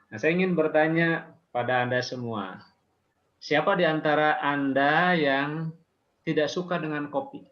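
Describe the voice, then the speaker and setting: A man with an Indonesian accent teaching an online language class informally, patiently asking questions and pausing often. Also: fairly high pitch, highs cut off.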